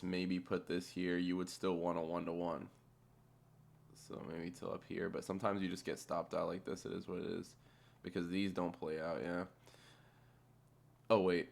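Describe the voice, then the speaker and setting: A man's voice: low-pitched, creaky. A man giving casual screen-share commentary as a trader, thinking aloud in an offhand, muttering way with casual swearing. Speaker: trader narrating a chart replay.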